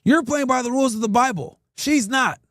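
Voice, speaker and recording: A man's voice: extremely high pitch, a little fast, fairly bright tone, dry recording, clean studio sound. A podcast host, a man, delivering crude, profane, preachy commentary and speaking straight to his chat. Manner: addresses chat directly. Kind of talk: ranting commentary.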